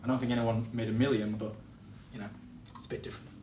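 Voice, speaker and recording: A man's voice: mid-range voice, little pitch movement, fast talker, darkish tone, distant mic, slight background noise. Encouraging man speaking in an echoey room. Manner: encouraging, direct, addresses audience as guys. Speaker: speaker giving a workshop talk. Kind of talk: motivational presentation to students. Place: college classroom or hall.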